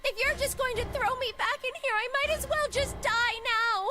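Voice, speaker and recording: A woman's voice: very high-pitched, normal speed, over loud music, pitched above the performer's own voice. A woman voicing a terrified young girl who pleads and sobs, while reading a visual novel aloud. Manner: pleading, sobbing.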